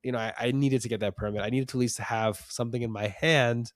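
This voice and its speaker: A man, co-hosting a podcast in casual chat, animated and laughing often. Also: medium pitch, fast talker, no echo, clean studio sound. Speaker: podcast co-host.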